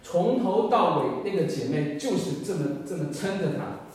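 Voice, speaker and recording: A man's voice: high-pitched, lively intonation, moderate pace, darkish tone. A man preacher giving an earnest, emotional testimony as part of a sermon. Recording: echoey church hall, mic far off.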